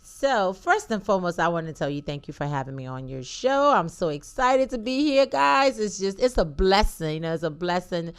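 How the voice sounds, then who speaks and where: A woman's voice: lowish voice, very animated, moderate pace, hardly any pauses, smooth. A woman in her forties from Liberia, a guest entrepreneur telling her story in a talk show interview and laughing easily. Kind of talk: casual interview chat.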